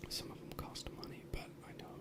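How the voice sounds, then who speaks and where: Casting: man, thirties, for close-to-the-ear ASMR whispering, casual rambling delivery, fully hushed. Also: brisk. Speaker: ASMR video creator. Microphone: close binaural mic, ear to ear.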